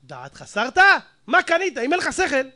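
A man delivering a lively sermon in a strikingly high, bright voice. He keeps up a stream of rhetorical questions and bursts into acted-out shouting to make his points. His delivery is animated throughout. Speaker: rabbi preacher. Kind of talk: Torah sermon.

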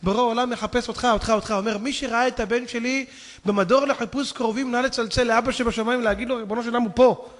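A rabbi preaches in a high, ringing voice that cuts sharply through the air. He tells his stories dramatically, dropping to a hush and then rising to impassioned shouts. A long reverb trails his voice across a large hall. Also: fairly even intonation. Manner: dramatic, swings from hushed tones to impassioned shouting. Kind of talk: storytelling sermon.

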